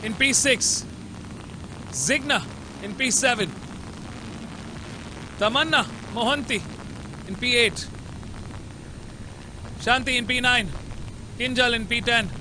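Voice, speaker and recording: A man with an Indian accent giving live motorsport commentary in an emphatic announcer delivery. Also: very high-pitched. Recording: loud engine and trackside noise.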